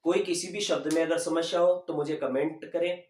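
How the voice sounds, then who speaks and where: A man teaching a lesson, patiently explaining and slowly repeating sounds syllable by syllable. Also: fairly high pitch, steady tone, a little mellow. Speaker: Hindi teacher. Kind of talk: classroom-style lesson explanation. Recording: echoey room, voice a bit far from the mic.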